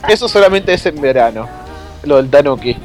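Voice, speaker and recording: An Argentine man co-hosting a podcast, trading jokes and teasing his guests in casual chat. His voice sits a little higher than most men's, with faint music somewhere behind him. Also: expressive, fairly quick, darkish tone. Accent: Argentine Spanish. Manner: joking, teasing banter. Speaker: podcast co-host.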